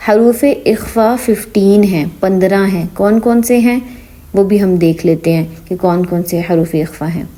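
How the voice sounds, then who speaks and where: A woman leads a patient online lesson on reading the Quran. Her voice is mellow and warm, set at a middle pitch for a woman. She blends English words into her speech and keeps asking whether each point is clear. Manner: mixes English words into Urdu.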